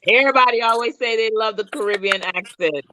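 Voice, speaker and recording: A woman chatting on a podcast in a slangy, quick way, laughing easily. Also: fairly high pitch, bright, forceful tone, low-quality recording. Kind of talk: casual chat.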